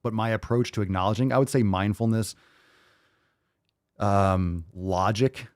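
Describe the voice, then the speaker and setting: A man in his late thirties with a very low voice hosts a live fitness Q&A. He answers viewers in a loose, thinking-aloud way, full of fillers and restarts. The sound is dry and close, with no room echo. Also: steady tone, a little slow, darkish tone. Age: 30s. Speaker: fitness podcast host answering questions. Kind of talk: livestream Q&A.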